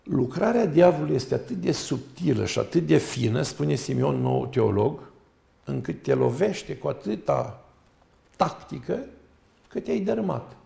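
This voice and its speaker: A man's voice: on the high side, expressive, vocal fry, dark tone. A man, a monk and guest on a talk show, telling saints' stories and preaching emphatically in long lists. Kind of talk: storytelling talk-show sermon. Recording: roomy echo.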